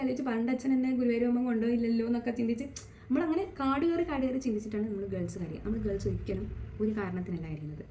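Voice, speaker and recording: A woman's voice: a little high, warm tone, slight background noise. A young adult woman hosting a casual talk on psychology, slipping English words into her speech and asking rhetorical questions.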